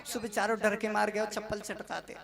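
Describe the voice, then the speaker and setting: A male preacher tells folksy moral stories in an animated way, dropping into character voices, before a seated audience. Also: sits high, moderate pace, gravelly. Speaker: religious storyteller preacher. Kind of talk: folksy sermon storytelling. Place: religious gathering with a seated audience. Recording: live crowd in the background. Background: audience murmur.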